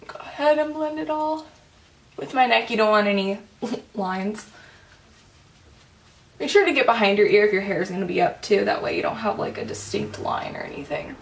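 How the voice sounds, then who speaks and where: A woman's voice: mid-range voice, moderate pace, vocal fry, distant mic. A young woman chatting casually through a makeup tutorial at home, full of "like" and "um" fillers. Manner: chatty, filler-heavy, says "like" often. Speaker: beauty vlogger.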